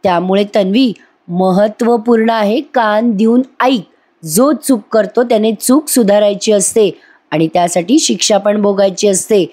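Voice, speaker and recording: A woman's voice: medium pitch, a little slow, dark tone, natural voice. A woman voicing a stern elderly matriarch in a serial recap, scolding and giving orders. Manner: scolding, commanding. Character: stern elderly grandmother, head of household.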